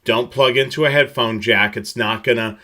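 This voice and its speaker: Working from semi-scripted slides, a man leads a live tutorial that explains a product in detail. He speaks with a forceful, bright voice at medium pitch. His pace is steady and teacherly, though he hesitates here and there.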